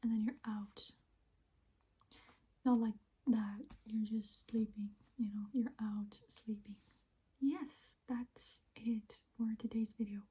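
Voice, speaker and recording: A young woman whispering softly in ASMR style, chatty and often correcting herself. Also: on the high side, steady tone, slow, slightly rough. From Iceland. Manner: soft unvoiced whisper, chatty and self-correcting. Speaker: ASMR creator.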